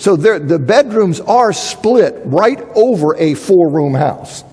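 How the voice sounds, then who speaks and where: Husky man lecturing in a reverberant hall. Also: sits high, expressive, slow pace, a little mellow. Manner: thinking aloud, restarts, reads quotes aloud. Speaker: Bible teacher. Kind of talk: lecture on biblical archaeology.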